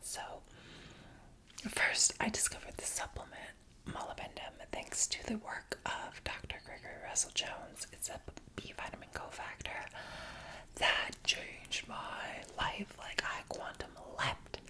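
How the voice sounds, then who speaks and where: A woman whispering an informal, rambling ASMR chat close to the microphone, with halting asides. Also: medium pitch, rough recording. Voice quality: soft unvoiced whisper. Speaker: ASMR video creator. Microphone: close external microphone plugged into phone.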